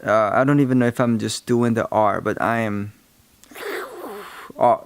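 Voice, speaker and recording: Guy doing a casual how-to, smooth clean voice, really dry sound, kinda stumbles and rambles along. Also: on the low side, fairly even intonation, no echo. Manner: halting, rambling explanations. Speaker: tutorial presenter. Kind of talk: casual instructional talk.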